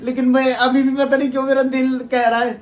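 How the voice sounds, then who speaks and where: A man with a light, high voice pleads in an emotional vlog. He keeps circling back over the same points, repeating himself. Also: flat delivery, fast. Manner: pleading, repetitive. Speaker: pleading ex-partner.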